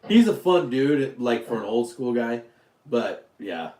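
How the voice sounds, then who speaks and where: A man's voice: mid-range voice, sing-song, measured pace, a little mellow, echoey room. A man from Utah hosting a casual live stream, rambling, joking and answering questions from his chat. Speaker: YouTube livestream host.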